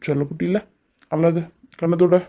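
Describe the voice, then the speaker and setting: A woman's voice: lowish voice, fairly even intonation, moderate pace, vocal fry, dark tone. A woman voicing a teasing, lovestruck young man in a cartoon, coaxing and playfully bossy. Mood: soothing. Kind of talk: cartoon voice acting.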